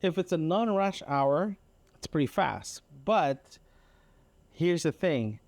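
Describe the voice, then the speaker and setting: This podcast host from Canada speaks slowly in a higher, slightly mellow voice with lively intonation, recorded dry. His casual audio diary drifts through everyday stories in a rambling, repetitive, mildly exasperated way, with regular check-ins to the listener.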